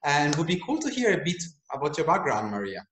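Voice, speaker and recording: A man's voice: fairly high pitch, a little fast. Young man in an echoey room. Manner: relaxed, chatty, laughs at himself. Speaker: host and game designer. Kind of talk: casual video-call interview. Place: room at home. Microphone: video call.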